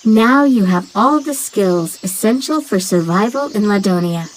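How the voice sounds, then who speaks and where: A woman's voice: medium pitch, lively intonation, measured pace, slight background noise, lightly acted, rough recording. A woman voicing a helpful talking dove guide. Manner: clear instructive guiding tone. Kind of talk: game tutorial narration.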